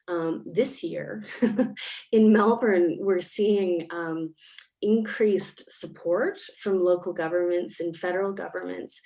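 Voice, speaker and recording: On a video call from a Melbourne home or office, a Canadian panelist who researches the arts offers considered remarks peppered with fillers. She has a fairly low, gravelly voice with a slightly mellow quality.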